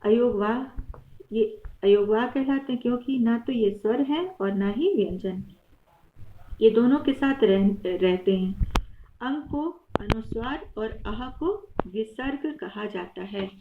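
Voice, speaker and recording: Woman, teacher, patient explanations, higher voice, tinny phone-like sound. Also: a little hiss or hum. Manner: patient, explains slowly with many examples. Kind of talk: classroom grammar lesson.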